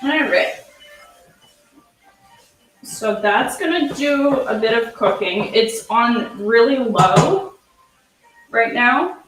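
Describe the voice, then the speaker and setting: A woman's voice: on the high side, expressive, slow, pauses often, echoey room, over music, low-quality recording. A young woman with a Canadian accent, chatting casually and rambling with lots of fillers and casual swearing while she cooks in her kitchen. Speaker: cooking vlogger. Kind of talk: casual chat while cooking. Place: home kitchen.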